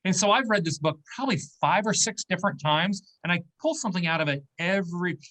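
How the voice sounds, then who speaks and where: A fast-talking business owner in his fifties, heard on a rough recording, has a high, bright and forceful voice. Interviewed as a guest, he explains conversationally, often checking in with "okay?" and "right?".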